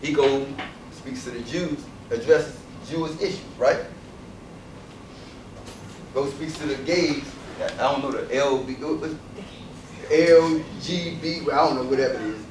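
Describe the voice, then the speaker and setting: A man's voice: mid-range voice, unhurried, long pauses, a little mellow, slight background noise. A man giving an emphatic public speech to a university audience, throwing rhetorical questions at the crowd. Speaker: invited speaker addressing a student audience. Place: university lecture hall. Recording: echoey hall from far off.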